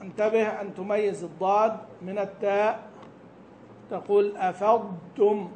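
A male Quran recitation teacher explaining a tajweed text to his students. He asks the class questions and answers them himself, and slows down to model words carefully, syllable by syllable. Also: high voice, fairly even intonation, a little mellow, a little hiss or hum. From Saudi Arabia. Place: mosque lesson hall.

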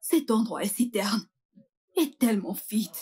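A woman playing a husky, crude prison cellmate. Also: mid-range voice, lively intonation, a little slow, darkish tone. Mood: taunting. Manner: taunting, crude and boastful. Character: coarse, mocking woman prisoner from a poor district. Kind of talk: French dub of a film.

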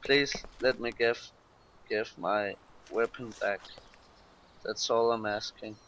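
A man's voice: lowish voice, steady tone, takes it slowly, a bit bright. A man playing an online role-play game, talking to other players over voice chat. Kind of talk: gaming voice chat. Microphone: gaming voice chat microphone. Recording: faintly noisy game voice chat.

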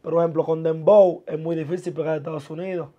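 A young man, a guest chatting casually and laid-back in a small studio, full of street slang and trailing off softly. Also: a little high, steady tone, quick pace, highs cut off. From born in the US, of Dominican parents. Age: young adult. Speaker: guest, musician and TikToker. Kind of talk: casual interview talk. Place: small indoor studio with sofa chairs.

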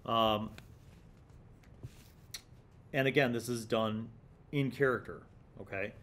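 A man in his forties hosts a tabletop gaming review series, chatting and explaining casually while reading magazine passages aloud. His medium-pitched, fairly bright voice moves slowly and conversationally. He records in a small indoor home studio on a large desktop condenser microphone.

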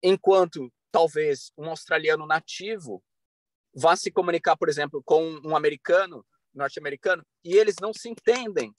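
A man in his thirties from Brazil, a podcast guest talking earnestly over a video call from a bright room at home, with many restarts and fillers. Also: on the high side, moderate pace, no echo. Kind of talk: casual interview talk. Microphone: video call webcam.

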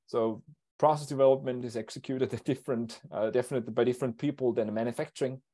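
A man presenting a technical talk at an online seminar in a steady, explanatory way, over a video call. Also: mid-range voice, quick pace. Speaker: invited speaker.

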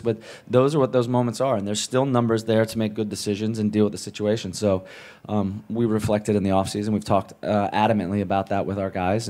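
A man with a lowish, warm, relaxed voice fields questions as a head coach after a match. He talks in a measured way, restarting and repeating words while he thinks. His voice comes close on a table mic in an indoor press room. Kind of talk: post-match press conference answers. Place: press room with a sponsor backdrop. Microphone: table mic on a stand.

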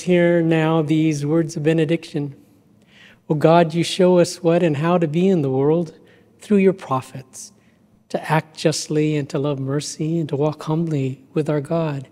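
A man in his fifties, a pastor, leading prayer and a benediction in a slow, solemn, measured way from the pulpit of a church sanctuary. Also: fairly high pitch, warm tone. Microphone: pulpit microphone. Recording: hall reverb with organ music.

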